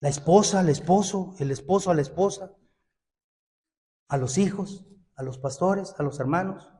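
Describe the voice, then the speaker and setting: Man, Mexican Spanish accent, pastor's sermon, joking asides, long church hall reverb. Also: normal speed. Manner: lively and joking, swings from loud exhortation to low asides.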